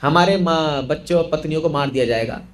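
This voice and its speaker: A man's voice: a little high, fairly quick, pitched below the performer's own voice, natural voice. A man voicing burly executioners who plead anxiously in a retold story. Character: frightened burly male executioners.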